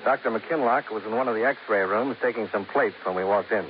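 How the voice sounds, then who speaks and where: An actor playing a terse, matter-of-fact police lieutenant who also narrates, in an old radio drama. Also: male voice, on the low side, brisk, close to an everyday voice. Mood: flat. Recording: muffled old radio recording with hiss.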